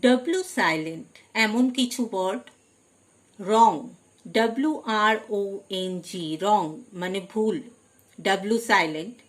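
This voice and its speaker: A woman's voice: medium pitch, expressive, a little slow, a bit bright. A woman teaching vocabulary, spelling each word out letter by letter and stressing each headword. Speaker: English teacher. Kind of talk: slow vocabulary lesson, spelling words letter by letter.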